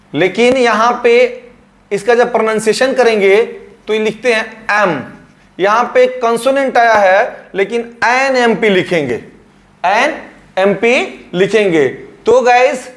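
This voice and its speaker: A male teacher explaining grammar at a board, repeating words and drawing them out. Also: very high-pitched.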